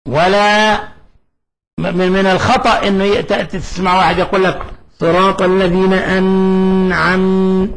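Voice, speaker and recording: A man with a fairly high voice leads a Quran recitation class. He explains the rules patiently, stops to quiz his students, and sounds out individual letters to show where they are formed. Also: fairly bright tone, poor audio. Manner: quizzes students and demonstrates letter sounds aloud. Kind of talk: tajweed lesson to students.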